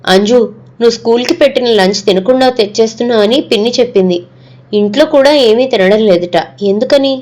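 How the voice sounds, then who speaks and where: A woman voicing a middle-aged father who is hurried and evasive, talking briskly. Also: a little high, a little mellow, natural voice.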